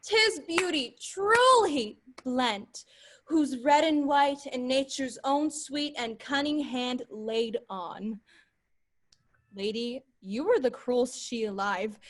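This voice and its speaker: A woman's voice: high-pitched, lively intonation, takes it slowly, exaggerated voice. A woman acting a young woman disguised as a page, speaking Shakespearean verse with earnest passion. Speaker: actor.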